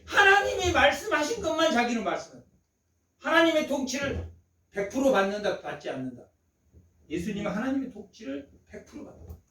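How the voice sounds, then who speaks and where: Man, pastor, Sunday sermon, very high voice, emphatic repetition, rhetorical questions, echoey church hall, mic some distance off. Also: very animated, a little fast, bright, forceful tone, a little hiss or hum. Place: church sanctuary.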